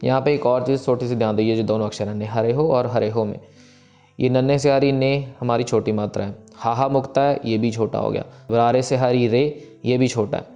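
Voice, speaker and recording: A man teaching careful pronunciation of scripture, patiently explaining and reciting each verse slowly. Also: medium pitch, steady tone, warm tone, soft background music. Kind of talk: recitation lesson.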